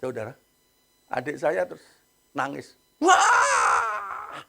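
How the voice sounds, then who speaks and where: Male preacher, gravelly and husky, lively storyteller. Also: medium pitch, normal speed. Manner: animated storytelling, acts out quoted voices. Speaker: pastor. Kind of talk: sermon.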